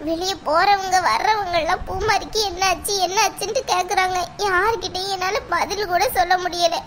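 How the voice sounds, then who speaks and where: Woman playing a mournful cartoon mother, middle-aged, plaintive, self-blaming, very high voice, hissy noisy track. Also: steady tone, moderate pace. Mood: lamenting. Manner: lamenting, plaintive. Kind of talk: cartoon voice acting.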